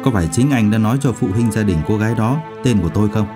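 A man's voice: lowish voice, fast talker, over music, voice pushed down, natural voice. A man voicing a tense young male graduate student who speaks coldly and curtly. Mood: irritated. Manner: cold and clipped.

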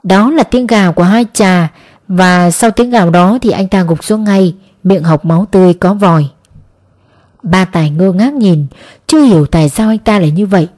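A woman storyteller narrating a ghost story in a steady, scripted reading. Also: lowish voice.

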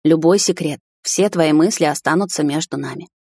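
A woman voicing a gentle, devoted male hunter husband who speaks softly and coaxingly in an audiobook. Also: deep voice, lively intonation, a little fast, husky, no room sound, clean studio sound, full character voice. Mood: tender, hushed. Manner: soft, hushed and coaxing.

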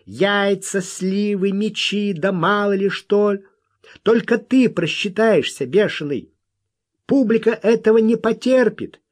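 A man's voice: high-pitched, slow pace, pitched above the performer's own voice. Man doing a stubborn, mocking young prospector.

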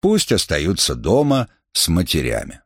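A man's voice: low voice, huge pitch swings, measured pace, a bit bright, breathy edge, no room sound, studio quality, full character voice. A man reading the lines of a cold young male revolutionary in an audiobook, who speaks in short, clipped sentences.

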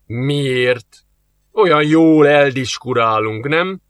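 A man reading aloud, voicing a suave, mocking male demon who talks slowly and teasingly. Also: mid-range voice, clear, resonant tone, no room sound, lightly acted. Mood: smug. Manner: smug, slow and teasing.

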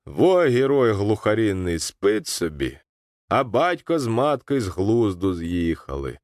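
A man voicing a gruff, jovial older boat skipper with a Ukrainian accent, scolding warmly. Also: fairly low pitch, big pitch swings, slow pace, dry recording, studio quality.

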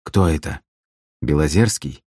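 A man voicing a terse, guarded young male assassin who asks quiet, pressing questions. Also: extremely low pitch, expressive, a little slow, slightly rough, no room sound, clean studio sound, exaggerated voice.

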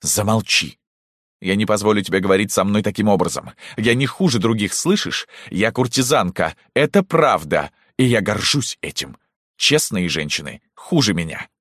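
Guy doing a proud angry mom, courtesan, sharp and indignant, bit higher than his own voice. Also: very animated, moderate pace, slightly rough, no room sound, clean studio sound. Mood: furious. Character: proud hot-tempered middle-aged courtesan mother.

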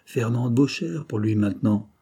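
A man's voice: medium pitch, moderate pace, gravelly, mellow, slightly rough. A man reading the part of a resolute young male captive who speaks in an earnest, urgent way.

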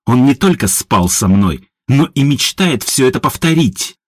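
A man's voice: mid-range voice, very animated, moderate pace, darkish tone, dry recording, studio quality. A man voicing a spiteful, sneering middle-aged woman full of contempt.

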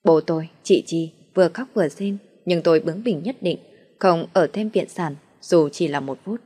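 A woman's voice: lowish voice, normal speed, warm tone, husky. A woman reading a dramatic first-person story aloud as its narrator.

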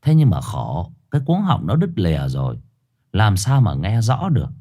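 A man narrating a ghost story in a lively, colloquial storytelling manner. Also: on the low side, moderate pace.

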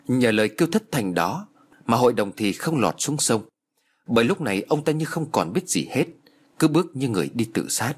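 A man narrating a dramatic story in an expressive, dramatic style. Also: mid-range voice, a little fast, husky.

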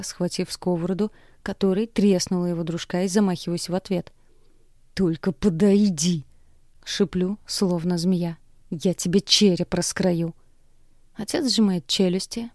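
A woman reads a first-person audiobook in a steady, measured voice. Her tone is low and dark, mellow rather than bright. The sound is close-miked and dry. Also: no room sound. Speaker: audiobook narrator.

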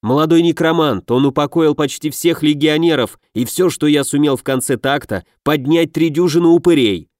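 Man doing a pleading, high-pitched dog-headed mystic. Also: expressive, darkish tone, no echo, clean studio sound, natural voice. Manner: pleading, hurried, raised voice. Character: fearful scheming dog-headed male junior mystic.

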